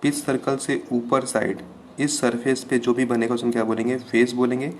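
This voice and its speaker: A man teaching an engineering class, explaining each term slowly and checking over and over that students follow. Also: medium pitch, flat delivery, slight background noise. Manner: patient, repeats terms with "ठीक है, clear है" checks. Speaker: engineering lecturer. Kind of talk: classroom lecture.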